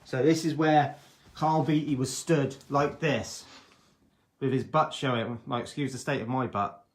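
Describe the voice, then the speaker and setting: Sceptical man with a mid-pitched voice. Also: fairly even intonation, measured pace. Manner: conversational, sceptical. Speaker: ghost hunter live-streamer. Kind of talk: casual explanatory live-stream chat.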